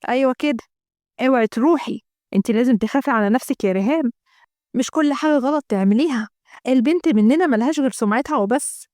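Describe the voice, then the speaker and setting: A woman's voice: high voice, fast talker, dark tone, dry recording, clean studio sound, close to an everyday voice. A woman voicing a young Egyptian woman lecturing her sister about reputation. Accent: Egyptian Arabic. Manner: lecturing, moralizing.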